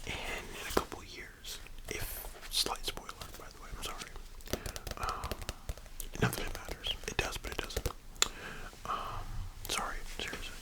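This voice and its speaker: A young man giving a casual, musing ASMR monologue in a soft, breathy library whisper, with halting delivery. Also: rough recording. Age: young adult. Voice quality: hushed, breathy unvoiced whisper. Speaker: ASMR video host.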